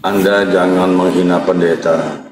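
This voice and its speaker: A man's voice: low-pitched, fairly even intonation, a little slow, noisy background. A man speaking as a preacher in an online debate with an echo effect on his voice, preachy, calling listeners brother. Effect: echo reverb on his voice. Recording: heavy echo, faint ambience.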